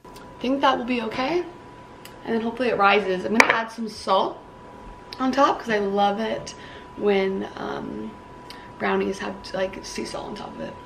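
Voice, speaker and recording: In her home kitchen, a young baking vlogger chats through a tutorial, bubbly and casual, saying "like" and "um" a lot. Her mid-range voice runs at a normal speed with long pauses, and there's background noise.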